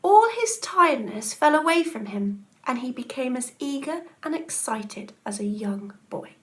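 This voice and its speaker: A woman's voice: high voice, very animated, measured pace, fairly bright tone. A woman reading a children's story aloud expressively, in the manner of a schoolteacher.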